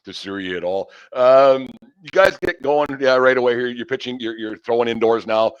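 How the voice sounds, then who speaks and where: Speaking at normal speed with a smooth, mid-range voice, this fifty-something sports show host rambles through a casual interview. He jokes in a self-deprecating way and keeps things chatty. There's no room sound, though the high frequencies are cut off.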